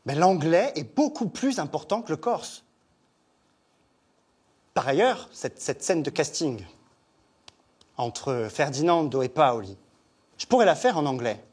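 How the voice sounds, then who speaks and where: An actor with a Corsican accent performs a solo comic stage monologue, chatty and self-mocking, listing things with many pauses. His fairly high voice swings widely in pitch and sounds a little mellow and slightly rough.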